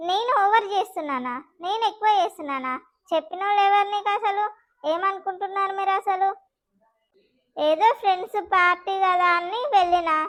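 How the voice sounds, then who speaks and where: A woman voicing a quarrelsome young village daughter-in-law with a Telangana accent, firing back sharp retorts. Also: extremely high pitch.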